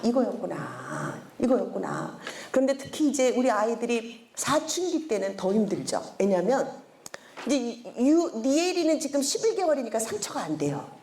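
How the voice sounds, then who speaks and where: Middle-aged woman lecturer, expressive and theatrical, swoops high and low, heard in a roomy space. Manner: animated, acts out quoted scolding in a sharp voice. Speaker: seminar lecturer, head of a character-education school. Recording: roomy echo.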